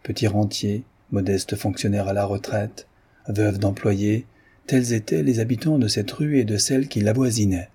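A man reading a classic novel aloud as audiobook narration, in a measured, descriptive manner. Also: lowish voice, steady tone, mellow, slightly rough. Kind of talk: scripted narration.

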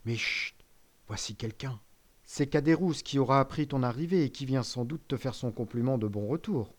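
A man reading an audiobook, voicing a poor, frail old father with a soft, weary voice. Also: medium pitch, normal speed, natural voice. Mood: gentle, calm. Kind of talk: audiobook character voice.

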